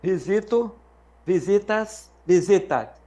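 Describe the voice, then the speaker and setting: Leading his class live, a Brazilian Latin teacher speaks in a notably high, expressive, warm voice with a Brazilian Portuguese accent. He patiently drills students with questions, slowing to pronounce every word so they can echo it.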